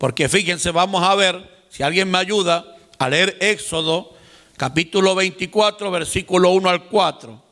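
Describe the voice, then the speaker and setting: A man's voice: high voice, moderate pace, pushed and bright, long reverb tail. A man teaching a seminar class, explaining patiently and speaking directly to his listeners. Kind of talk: classroom lecture.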